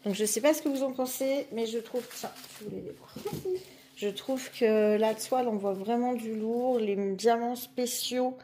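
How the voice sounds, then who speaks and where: Chatty woman with a mellow voice. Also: on the high side, steady tone, moderate pace, slight background noise. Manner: chatty and enthusiastic, with fillers and restarts. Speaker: diamond painting vlogger. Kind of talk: casual unboxing chat.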